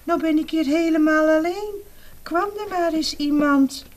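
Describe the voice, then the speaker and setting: A woman's voice: sits high, measured pace, pitched above the performer's own voice. A woman reading aloud and voicing a sweet female rabbit who has a cold, in a children's story. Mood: lonely.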